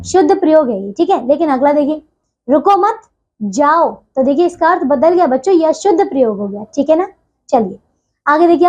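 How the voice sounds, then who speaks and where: A woman teaching a grammar lesson to children, speaking to them directly and often checking in with "theek hai". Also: high-pitched. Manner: repeats "theek hai" as a filler, addresses children warmly; reads examples slowly and deliberately. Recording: dull lo-fi sound.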